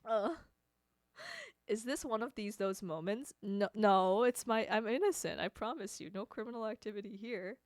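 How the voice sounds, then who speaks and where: A woman streamer chatting casually with her viewers, animated, laughing often and swearing freely. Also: medium pitch, normal speed, dry recording, studio quality. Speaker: streamer answering chat. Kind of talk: casual live-stream chat.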